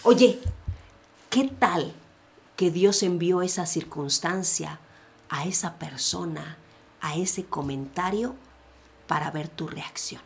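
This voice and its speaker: A woman's voice: lowish voice, slow pace, long pauses, slight background noise. A woman, a pastor co-hosting a casual faith chat, telling stories with slangy asides. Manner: animated storytelling with slangy asides. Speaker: podcast co-host, pastor.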